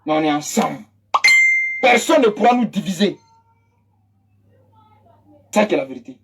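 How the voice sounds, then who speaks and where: With a gravelly, medium-pitched voice, lively intonation, and a moderate pace, an Ivorian political commentator rails in an impassioned, mocking monologue, hammering phrases through repetition. The Ivorian French accent comes through on a very noisy recording.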